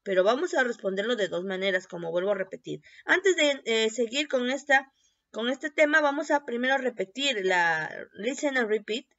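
A woman teaching a bilingual English lesson, repeating each word slowly and often checking with a quick "ok?". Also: a little high, a bit bright. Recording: dull lo-fi recording.

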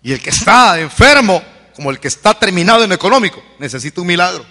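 A man preaching, his voice high and very lively, swinging from hushed lines to shouted peaks. He hammers the same call over and over, and the tone is bright and forceful. A long reverb trails each phrase through the church hall. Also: quick pace. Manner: fervent, swings to shouted peaks, repeats calls to convert. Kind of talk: evangelical sermon.

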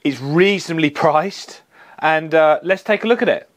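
Brief: male engineer, thirties, slightly higher voice, plain-spoken review delivery, lapel mic. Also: moderate pace, over music. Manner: plain-spoken, practical, mildly jokey. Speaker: HVAC engineer reviewing tools. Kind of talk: product review presentation.

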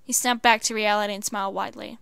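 A woman reading fan fiction aloud, halting with many stumbles and restarts. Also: mid-range voice, little pitch movement, gravelly, fairly bright tone, smooth, dry recording. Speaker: storyteller.

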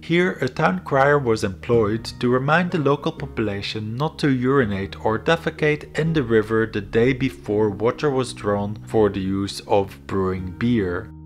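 A man's voice: mid-range voice, moderate pace, hardly any pauses. Man narrating history over music. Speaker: video narrator. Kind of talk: scripted educational history narration. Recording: background music under voice. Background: instrumental music.

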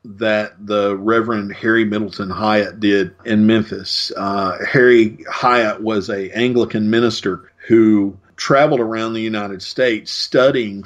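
A man speaking as an author and guest in an interview, explaining his points in a measured way with frequent restarts. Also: on the low side. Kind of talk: conversational interview. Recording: dull lo-fi recording.

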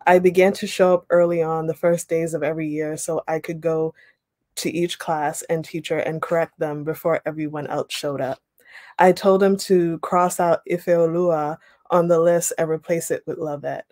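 A young woman with a low-sitting voice runs an online writing workshop over a video call, reading a passage aloud and then explaining it with relaxed pauses. Her webcam audio has no echo.

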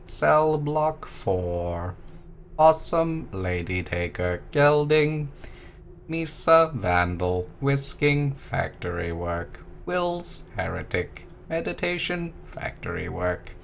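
A man doing a flat, slow robot voice to read a note aloud while commentating on a game. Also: mid-range voice, creaky, a little hiss or hum, voice pushed up, full character voice. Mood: mechanical. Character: monotone robot reading a list aloud. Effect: slow, flat robot voice put on for reading a note. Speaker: gameplay commentator.

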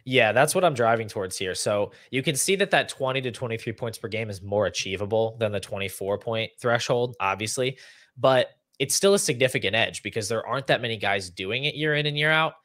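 On his fantasy football podcast, a young adult man talks briskly in a mid-range, slightly bright voice, explaining figures and running down lists in a chatty, analytical way. He's indoors in a small room at home on a video call setup, yet the sound is clean and studio-like, with no room sound.

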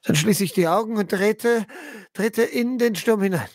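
A player speaking in first person as their character, intense and halting, often dropping to a hush. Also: medium pitch, no room sound, studio quality.

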